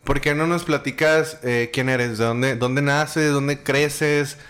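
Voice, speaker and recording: A man's voice: medium pitch, fairly even intonation, slow pace, fairly bright tone. A man hosting a casual podcast over beers, joking and slangy, with lots of fillers and restarts. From Chihuahua, Mexico. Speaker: podcast host.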